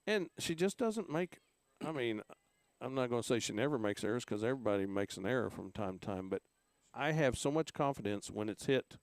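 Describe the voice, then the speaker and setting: A man from Oklahoma calling play-by-play for a local high school softball game in a relaxed, conversational way. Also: a little fast, few pauses, dry recording. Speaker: play-by-play announcer.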